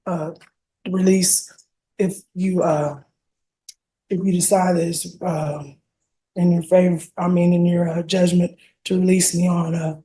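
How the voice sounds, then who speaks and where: A woman with a hoarse, sore throat, answering as a defendant in court, halting and stumbling over her words with many fillers. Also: on the low side, flat delivery, dark tone, low-quality recording. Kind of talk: courtroom testimony.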